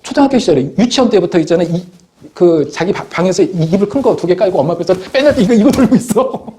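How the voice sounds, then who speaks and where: A man's voice: high voice, lively intonation, fast talker, warm tone. A middle-aged male teacher giving a motivational talk to exam students, stammering and restarting often while acting out students and parents in quoted voices.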